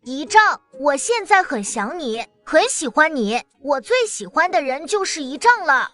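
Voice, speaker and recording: A woman's voice: high voice, very animated, a little slow, a bit bright, faint music behind, heavily acted. A woman voicing a chirpy little boy. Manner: chatty, blunt, childlike. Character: small cheeky boy about to start kindergarten. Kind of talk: animated drama dialogue.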